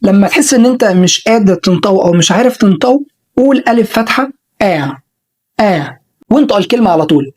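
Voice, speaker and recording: Egyptian woman teaching pronunciation slowly. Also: mid-range voice, expressive, darkish tone, low-quality recording. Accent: Egyptian Arabic. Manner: models sounds slowly and repeats words for learners to copy. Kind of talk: online pronunciation lesson.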